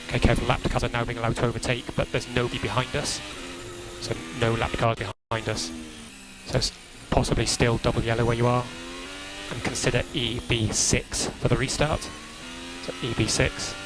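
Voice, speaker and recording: Heard as a team radio transmission, the audio crackles with the noise of motor racing comms. A man in the race engineer role, medium in pitch, gives composed, step-by-step briefings and measuredly repeats the key points.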